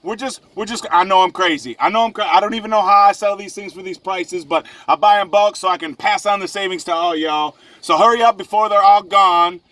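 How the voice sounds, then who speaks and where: A man sailing alone, talking casually to the camera from his boat's open cockpit in a slangy, joking manner, hamming up mock sales pitches. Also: brisk, hardly any pauses, sharp tone, dry recording. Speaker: solo sailor and vlogger. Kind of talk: casual vlog talk to camera. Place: open cockpit of a sailboat on a lake.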